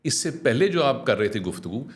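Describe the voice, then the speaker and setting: Brief: middle-aged man, communication coach, lively and demonstrative, average pitch. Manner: animated, mixing English phrases, demonstrating slow clear diction. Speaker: communication trainer, guest. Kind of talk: conversational coaching.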